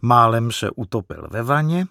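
Expressive man reading a storybook. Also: medium pitch, vocal fry, no echo, clean studio sound. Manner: expressive, animated. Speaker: narrator.

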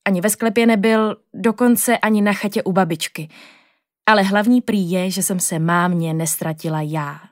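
A woman reading a children's storybook aloud in the first person of a little girl, in a lively storytelling tone. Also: medium pitch, dry recording, studio quality. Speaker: audiobook reader.

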